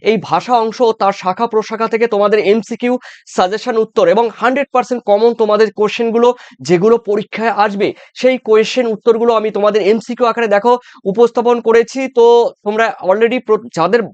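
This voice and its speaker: Male teacher, high and smooth, coaxing exam-prep delivery on a dull lo-fi mic. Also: steady tone, fast talker, darkish tone, dry recording. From West Bengal. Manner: repetitive, coaxing with frequent check-ins and fillers. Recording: dull, dry lo-fi sound.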